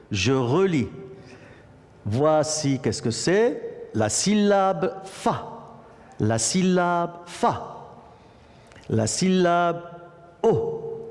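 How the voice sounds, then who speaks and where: A man teaching a French lesson to young children, repeating words slowly and praising the class often. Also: medium pitch, darkish tone, long reverb tail. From Morocco. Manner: slow, repetitive, encouraging classroom delivery. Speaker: primary school teacher.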